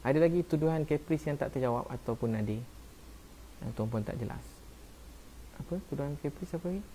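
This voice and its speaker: Soft-spoken Malaysian man talking on a live stream. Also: fairly high pitch, brisk, a little hiss or hum. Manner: soft-spoken, earnest and defensive, repeats "ha" and "Masya Allah". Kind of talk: casual live-stream talk answering viewers.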